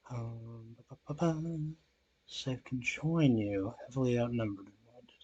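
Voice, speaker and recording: A man's voice: mid-range voice, darkish tone, muffled recording. Rambling, casual young man streaming a game. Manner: casual, rambling, frequent swearing and fillers; reads chat aloud and answers it. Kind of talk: relaxed gameplay stream chat.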